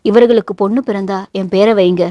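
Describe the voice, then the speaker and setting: A woman's voice: mid-range voice, steady tone, no echo, dull audio, lightly acted. A woman reading the lines of a bold young woman who teases and comforts a friend in a novel. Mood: teasing tender. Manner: teasing yet tender, quick. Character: bold young woman saying a teasing goodbye.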